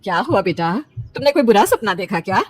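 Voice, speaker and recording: A woman voicing a caring middle-aged mother who fusses over her daughter in an animated horror story. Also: mid-range voice, fairly quick, pitched below the performer's own voice. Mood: worried. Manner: fussing, affectionate scolding. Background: background music.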